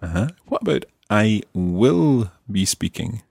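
A teacher hosting a language podcast speaks at a slow pace in a gravelly, husky voice on the low side, captured as a dry recording. He takes listeners through grammar patiently and with encouragement, his intonation lively.

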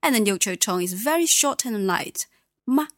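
A woman teaching Mandarin tones, explaining patiently and modelling each word clearly. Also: mid-range voice, lively intonation, normal speed, a bit bright, dry recording, clean studio sound. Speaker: language teacher. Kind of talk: language lesson.

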